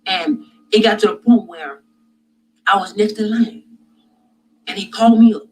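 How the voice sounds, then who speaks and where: A man telling a vivid religious dream in a halting, repetitive way that grows loud and intense. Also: high-pitched, slight background noise, rough recording. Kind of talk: personal dream testimony.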